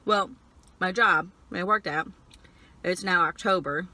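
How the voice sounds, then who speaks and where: Bright-voiced young woman chatting while eating. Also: fairly low pitch. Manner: chatting while eating, chewing between phrases; frequent filler "like", halting stop-and-start phrasing. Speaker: vlogger. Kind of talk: casual personal storytelling chat.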